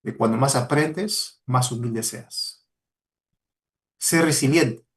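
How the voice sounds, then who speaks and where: Slow and mid-range in pitch, the voice belongs to a man from Peru with a Peruvian Spanish accent. As a guest speaker who works in mining, he urges students on in an earnest, exhorting motivational talk, leaning on repetition of key words.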